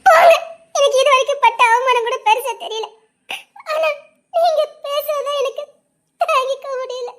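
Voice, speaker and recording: A woman acting out a wounded young wife in a homemade drama, tearful but defiant. Her voice is very high and bright, with a Tirunelveli Tamil accent. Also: normal speed, long pauses. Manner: tearful and defiant, keeps telling him to go. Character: hurt, proud young wife pushing husband away.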